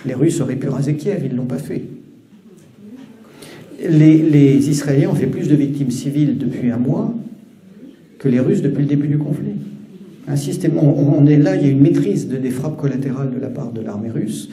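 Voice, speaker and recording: A man's voice: on the high side, moderate pace, warm tone. A man from Brittany, speaking as an analyst in an interview, hesitant and insistent. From Brittany, France. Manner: hesitant, with restarts and fillers, insistent. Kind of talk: interview answer. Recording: roomy echoey clip.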